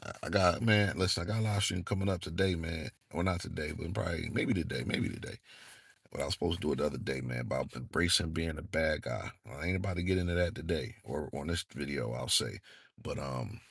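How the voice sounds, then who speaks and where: In a casual monologue vlog, a young northeastern American channel host rambles easily, leaning on fillers and slang. He has a creaky bass voice with a breathy edge, speaks fairly quickly, and the sound is dry and clean, like a studio.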